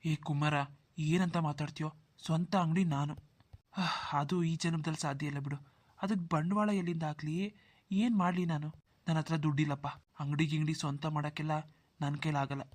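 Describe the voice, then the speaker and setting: A man's voice: fairly high pitch, steady tone, moderate pace, close to an everyday voice. A man voicing a worried poor brother. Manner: anxious, self-pitying, pleading. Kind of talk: Kannada cartoon dubbing.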